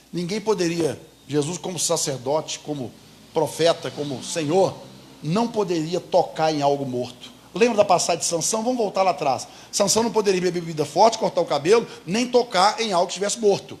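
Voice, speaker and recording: High-voiced Brazilian pastor preaching. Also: male voice. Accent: Brazilian Portuguese. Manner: emphatic, keeps asking the congregation rhetorical questions. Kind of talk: sermon. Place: church.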